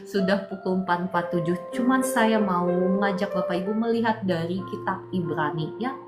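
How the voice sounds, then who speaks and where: A woman's voice: medium pitch, normal speed. A woman preaching a sermon in an earnest, coaxing way, often asking her listeners to agree. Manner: earnest, coaxing, repeats "ya kan". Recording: echoey hall with soft music.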